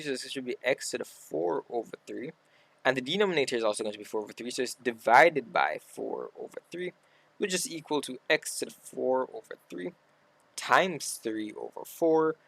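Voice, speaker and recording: Gravelly male maths tutor, self-correcting. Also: medium pitch, dry recording. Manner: talks through steps aloud, self-correcting. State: hiccuping. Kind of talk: casual worked-example lesson.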